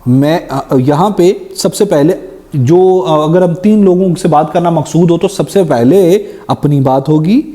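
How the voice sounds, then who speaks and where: A young man teaching an exam-prep grammar lesson, reading sentences slowly and explaining each correction, with English phrases mixed in. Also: a little high, warm tone. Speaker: Urdu teacher.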